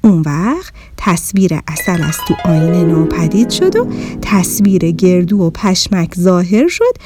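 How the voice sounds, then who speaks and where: A woman narrating a children's story in an animated, expressive way. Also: on the low side, loud music behind the voice.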